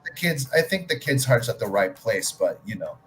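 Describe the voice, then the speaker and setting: A man co-hosting a casual chat stream, ranting and swearing freely in an animated way. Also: mid-range voice, moderate pace, faint music behind.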